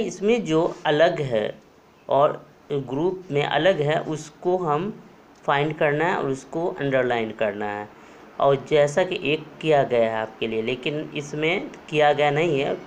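Indian lady teacher going over words slowly and patiently, lowish voice, bit of faint hiss behind. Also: poor audio. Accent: Indian English. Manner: slow, patient, repeats words one by one. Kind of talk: classroom lesson explanation. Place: room with a board.

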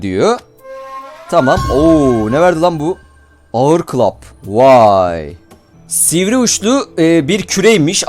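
A young man giving casual gameplay commentary as a channel host, excitable, swearing and shouting when frustrated. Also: medium pitch.

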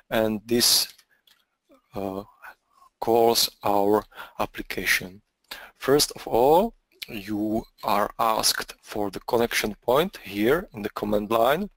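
A man with a Czech accent giving a live software demonstration in a halting way, with frequent pauses. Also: on the low side, gravelly, no echo. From Czech Republic. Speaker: product engineer presenting software.

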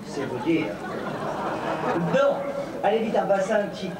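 A man's voice: sits high, very animated, measured pace, a loud crowd, heavy background noise. A man in drag doing bawdy, theatrical cabaret comedy on stage at a stand mic. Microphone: stand mic, filmed from afar. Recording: echoey far-off home video of a stage.

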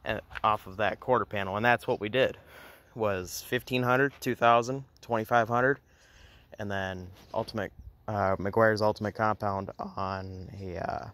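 A man with a fairly low voice walks around a car outdoors, filming on his phone. He talks in a loose, rambling way, full of fillers and restarts. It sounds like an easygoing update for viewers. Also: steady tone, a little slow, fairly bright tone. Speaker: car restoration vlogger. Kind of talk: casual walkaround narration. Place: outdoors on a grassy yard beside a car.

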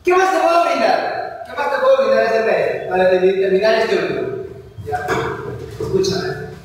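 A man's voice: high-pitched, very animated, moderate pace. A man teaching a history class, asking rhetorical questions, answering them himself and repeating key points. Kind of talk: classroom lecture. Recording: echoey hall, voice from far off.

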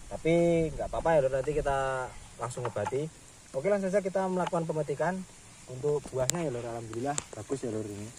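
A man's voice: a little high, a little mellow, a little hiss or hum. A man, a chili farmer giving a casual tutorial vlog outdoors in his field and chatting to viewers with a friendly filler word. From Central Java, Indonesia. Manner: chatty, addresses viewers as "Lur" often.

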